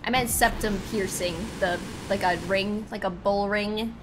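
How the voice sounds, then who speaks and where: A woman's voice: medium pitch, fairly even intonation, unhurried, noisy background. A woman in her thirties giving casual, chatty gameplay commentary as a streamer, often exclaiming in surprise. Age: 30s. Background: game music.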